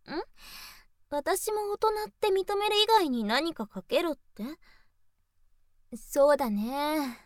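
A woman's voice: high-pitched, no echo, studio quality. A woman voicing a teasing, playful older sister in an intimate audio role-play, coaxing in a sing-song way.

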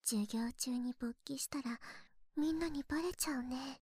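A woman's voice: high-pitched, a little slow, slightly rough, no room sound. A young woman voicing a teasing invisible girl from the future, mocking and whispering close to the ear. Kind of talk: ASMR whispering roleplay. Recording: loud hiss under the voice.

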